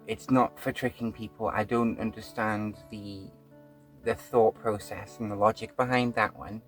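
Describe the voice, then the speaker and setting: A woman's voice: extremely low pitch, steady tone, measured pace, over music. A woman hosting a casual reaction video, talking frankly with plenty of fillers and restarts. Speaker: host.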